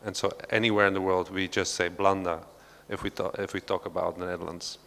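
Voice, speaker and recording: Speaking fast with vocal fry, a Belgian researcher gives an unscripted panel talk in an art centre's large hall. His voice is low and fairly flat, and he hesitates often, using "uh" and "um," restarting sentences and using non-native phrasing, all carried on a long hall reverb.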